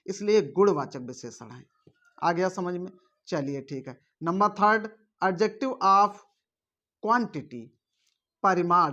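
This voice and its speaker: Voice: mid-range voice, fairly bright tone, lo-fi sound. A teacher giving an online grammar class, mixing in English grammar terms and checking in often with rhetorical questions. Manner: quizzes with rhetorical questions, frequent "theek hai" check-ins.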